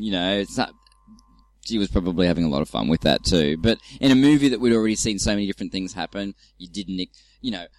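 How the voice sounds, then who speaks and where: Dry-sounding low man laughing often. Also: no echo. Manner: laughing, hedging opinions with "yeah, again". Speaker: podcast co-host. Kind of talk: casual film discussion.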